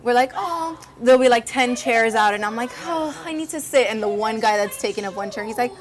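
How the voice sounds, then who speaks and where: A woman's voice: fairly high pitch, a little fast. A woman in her twenties, born in Cuba and raised in Miami, chatting as a guest on a talk show and acting out the quotes in her stories. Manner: lively, animated storyteller, acts out quotes. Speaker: guest co-host, social media influencer. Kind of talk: casual talk-show chat.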